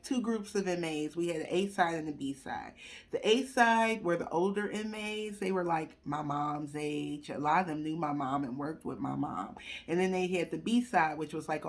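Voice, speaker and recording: A young adult woman telling a personal story in a candid, emotional, conversational way, talking straight to her viewers. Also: low voice.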